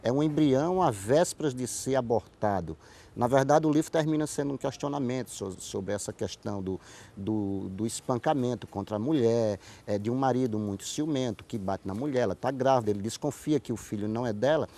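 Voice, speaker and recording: Brisk and mellow at a medium pitch, this man answers interview questions in a chatty way. He's a guest writer and playwright from Paraíba, northeastern Brazil, with the region's accent, and he repeats words while searching for how to say things.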